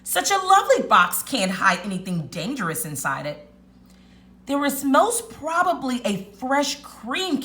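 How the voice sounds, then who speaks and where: A woman voicing a clever, excitable little male rat in a storybook read-aloud, with an emphatic, chanting, exclamatory delivery. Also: fairly high pitch, pitched above the performer's own voice, exaggerated voice. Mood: hopeful.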